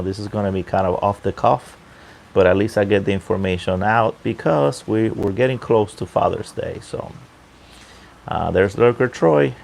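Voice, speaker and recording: A man talking casually off the cuff on a livestream, halting and unhurried, keeping his voice down outdoors on a balcony. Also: on the low side, creaky, a little mellow. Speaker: livestream host and pipe hobbyist. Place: outdoor balcony at night near a pool. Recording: faint water noise in background.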